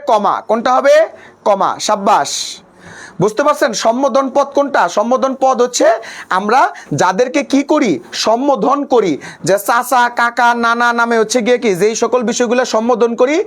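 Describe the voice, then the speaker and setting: A man's voice: extremely high pitch, a little fast. A young man with a colloquial Bangladeshi Bengali accent teaching an online exam-prep class, asking questions and answering them himself while repeating a habitual filler phrase.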